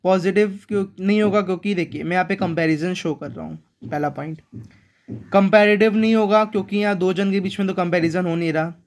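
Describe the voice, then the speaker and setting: A man's voice: sits high, steady tone, brisk. A man teaching an English grammar lesson in an online class. He repeats key words and asks his viewers questions.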